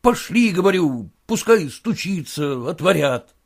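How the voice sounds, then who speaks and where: Brief: an agitated merchant, middle-aged, raised and lively in pitch, put on by a male reader. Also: a little slow, vocal fry, full character voice. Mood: indignant. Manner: agitated, indignant outbursts.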